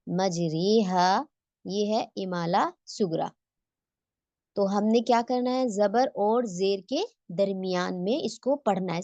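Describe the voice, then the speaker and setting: A woman's voice: mid-range voice, vocal fry, warm tone, no echo, dull audio. Lady teaching tajweed, explains step by step, asks herself questions, dry close mic. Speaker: Quran recitation teacher. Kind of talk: online tajweed lesson.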